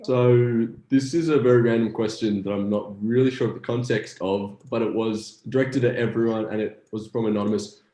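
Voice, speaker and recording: Young male host, lowish voice, reads chat questions, echoey room. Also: steady tone, normal speed, hardly any pauses, warm tone. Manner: reads viewer questions, hesitant fillers. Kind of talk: hosting a video call reunion. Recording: roomy echo with faint noise.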